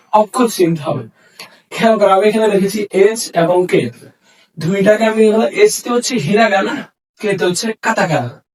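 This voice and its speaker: Male language teacher, high voice, sits back from the mic, patient step-by-step explainer. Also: recorded from a distance. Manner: explains step by step, asks and answers his own questions. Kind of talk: classroom lesson.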